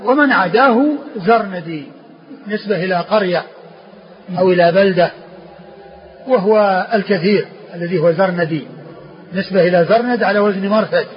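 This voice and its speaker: A man teaching a classical text, slowly repeating words and spelling out letters as he explains. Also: high voice. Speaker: teacher of hadith sciences. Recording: dull lo-fi recording with faint hiss.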